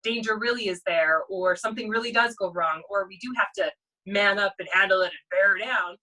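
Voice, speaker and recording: Bright-voiced woman on a distant mic. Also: mid-range voice, brisk. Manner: earnest, animated, repeats herself. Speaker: co-host. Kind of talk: casual spiritual chat.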